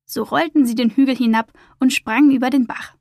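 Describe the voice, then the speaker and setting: A woman narrating a children's storybook in a calm, expressive reading voice. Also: high-pitched, a little fast, gravelly, no echo, studio quality.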